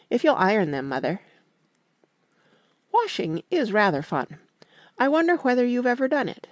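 A woman's voice: fairly low pitch, dry recording. A woman reading a classic children's novel aloud, giving the children's lines a light touch. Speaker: audiobook reader. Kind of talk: scripted narration.

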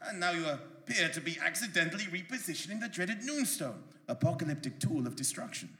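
An actor playing a grandiose, bumbling bureau administrator who fancies himself a hero, in a live comedic audio drama. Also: male voice, a little high, expressive, a little fast, bright, forceful tone. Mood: flustered. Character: pompous heroic male bureau administrator. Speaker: comedy stage performer. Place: live performance venue. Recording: echoey live venue.

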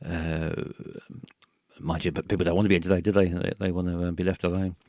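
A man hosting a call-in radio show, rambling in a halting way with many fillers and restarts. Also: deep voice, level tone, darkish tone, no echo, studio quality.

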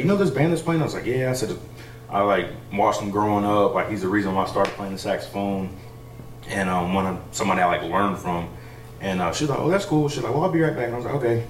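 A man's voice: fairly low pitch, slight background noise. A young man, a saxophonist guest, chatting casually and telling a story, with lots of fillers along the way. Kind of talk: casual interview chat. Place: theater loft, live session. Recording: echoey room, mic far off.

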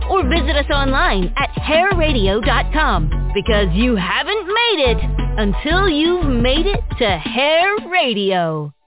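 High, lively woman announcer. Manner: bright, upbeat announcer delivery. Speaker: show announcer. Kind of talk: radio promo read. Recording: phone-like sound over music.

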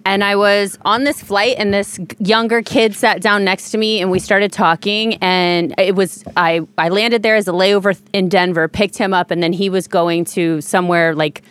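A woman's voice: medium pitch, steady tone, moderate pace, hardly any pauses, a bit bright, clear, resonant tone. A woman from Ohio, a podcast guest telling a rambling, chatty story with casual swearing. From Ohio, USA.

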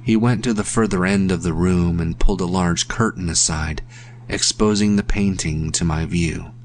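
Low-voiced man narrating a ghost story. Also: fairly even intonation, a little hiss or hum. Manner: measured, hushed storytelling.

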